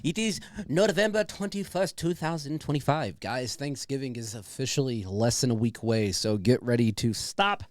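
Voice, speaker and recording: A man's voice: medium pitch, normal speed, few pauses, dry recording, studio quality. A man hosting a podcast in a casual, chatty, enthusiastic way with informal, sweary talk. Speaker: podcast host. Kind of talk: casual chatty show introduction.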